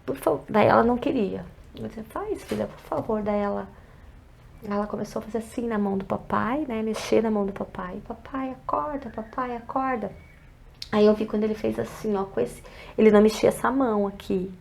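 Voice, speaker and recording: A woman with a Brazilian Portuguese accent, an interview guest telling an emotional personal story and acting out other people's words, often softly. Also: medium pitch, steady tone, fast, gravelly, a little hiss or hum. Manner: acts out quoted dialogue, often softly.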